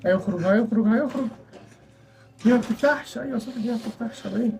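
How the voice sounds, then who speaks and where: A man's voice: extremely high pitch, very fast, vocal fry, darkish tone, a little hiss or hum. A young man with an Egyptian Arabic accent gives chatty, nervous commentary while playing a horror game, often apologizing to the characters on screen. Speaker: gaming channel host.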